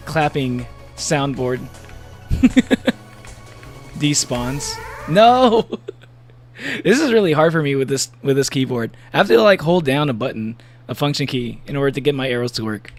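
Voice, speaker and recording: His voice leans high and moves at a moderate pace, with faint music underneath. As he plays a game on a live stream, he chats casually with viewers in a rambling way, laughing frequently and leaning on fillers and restarts.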